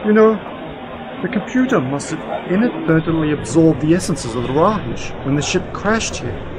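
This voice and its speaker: A man's voice: fairly high pitch, animated, normal speed, crowd noise, natural voice. A man playing a clever, kindly time-travelling uncle in a radio drama, explaining things in a theatrical, teasing, self-assured way. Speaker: lead actor in a radio play.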